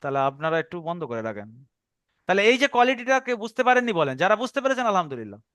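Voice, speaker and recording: Fast, high-voiced man teaching online. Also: sing-song, fairly bright tone, dry recording. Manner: drills pronunciation by repeating words. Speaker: Quran teacher. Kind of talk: online class instruction. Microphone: online call.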